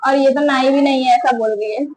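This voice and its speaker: Chatty young woman, higher voice. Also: fairly even intonation, brisk, darkish tone, slight background noise, rough recording. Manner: chatty, talks to her pet and family in between. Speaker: family vlogger. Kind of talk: casual vlog chat to camera. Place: home.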